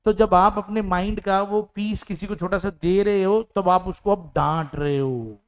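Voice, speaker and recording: A man teaching English idioms in a mix of Hindi and English. He explains each one through an imagined little story with acted-out lines, and reads the English example sentences slowly. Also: sits high, smooth.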